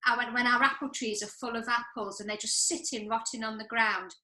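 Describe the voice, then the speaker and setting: A British woman with a bright, forceful voice chats keenly beside the presenter. Her voice sits a little high, and it rings with echo from some distance off the mic. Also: fairly even intonation, fairly quick. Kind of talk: casual chat.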